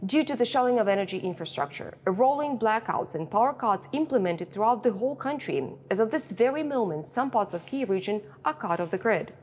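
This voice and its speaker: A woman's voice: medium pitch, darkish tone. A woman with a Ukrainian accent gives a prepared statement as a company press secretary, recorded inside a bomb shelter. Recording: long echo of concrete shelter, noisy.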